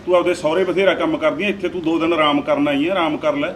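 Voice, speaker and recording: A man's voice: fairly high pitch, little pitch movement, a little hiss or hum, lightly acted. An actor playing a protective brother who insists on buying gifts for his sister and argues with his wife. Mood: insistent. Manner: insistent and quick to anger. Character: hot-tempered loving brother, a village husband.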